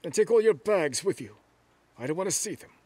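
A man's voice: high-pitched, animated, fairly quick, dark tone, a little hiss or hum. An actor dubbing a stern, angry older father who scolds his daughter-in-law. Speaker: dub actor. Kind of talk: drama dub.

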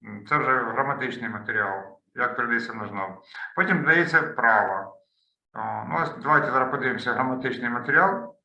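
Man, language tutor, online lesson, very bright tone, roomy echo, thinking aloud. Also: medium pitch, fast, vocal fry, lo-fi sound. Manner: explanatory, thinks aloud while clicking through slides. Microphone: video call.

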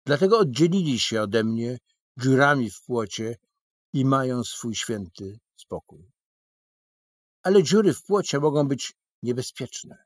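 A man's voice: mid-range voice, very animated, a little slow, no room sound, voice pushed up. A man voicing an eccentric, boastful, burly male painter who declaims grandly in a storybook reading. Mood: grandiose.

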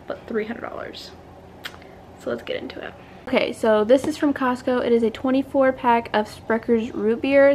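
A woman's voice: a little high, creaky, a little hiss or hum. Chatty young woman vlogging at home. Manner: chatty, rambling, with fillers and self-corrections. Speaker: family vlogger. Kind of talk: casual vlog chat. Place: home bedroom, then kitchen.

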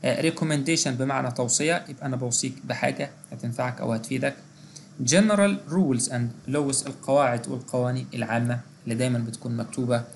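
A man's voice: medium pitch, fairly even intonation, rapid-fire, vocal fry, few pauses, slight background noise. An English teacher with an Egyptian Arabic accent, explaining grammar step by step and asking and answering his own questions. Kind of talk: exam-prep grammar lesson.

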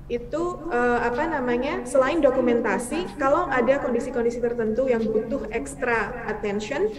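A woman's voice: a little high, moderate pace. Hesitant woman on a video call. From Indonesia. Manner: hesitant, frequent fillers, mixes in English terms. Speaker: guest physician. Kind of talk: conversational interview answers. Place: indoor room.

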